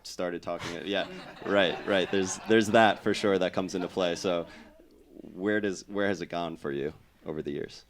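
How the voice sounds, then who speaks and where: Deep-voiced man hosting a live interview. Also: steady tone, normal speed, a little hiss or hum. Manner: upbeat, encouraging, hypes the crowd. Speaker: show host interviewer. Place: live music venue with audience.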